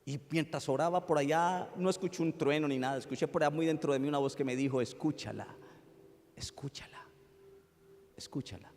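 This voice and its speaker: A man with a Colombian accent, a pastor preaching a sermon and telling a story, swinging from loud pleading to hushed tones. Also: on the high side, fairly even intonation, fast, few pauses, in a large hall.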